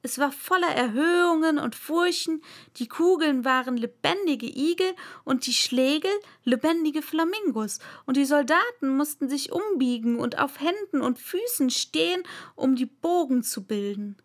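A woman narrating a classic children's storybook aloud in a slow, even reading voice. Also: sits high.

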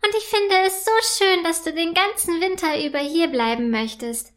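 A woman voicing an excitable female ice elf in a children's storybook, high and bubbly, with eager chatter. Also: moderate pace. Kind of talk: storybook reading.

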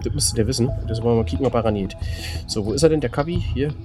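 Guy on a podcast rambling and laughing, thinking out loud, faint music under him. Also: medium pitch, rapid-fire. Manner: rambling, thinking aloud with many fillers and laughs. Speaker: podcast co-host, quiz contestant. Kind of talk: casual podcast banter.

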